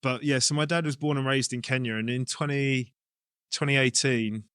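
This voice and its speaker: Speaking at normal speed, the man has a medium-pitched, slightly bright, smooth voice and keeps his intonation fairly even. As a guest in an interview, this English rugby coach and club director chats informally, thinking his ideas through out loud. There's no room sound, just clean studio audio.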